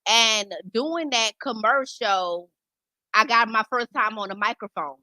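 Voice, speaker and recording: A woman's voice: a little high, a little slow, pushed and bright, no echo, poor audio. A woman hosting a radio show, talking in a casual, conversational interview style.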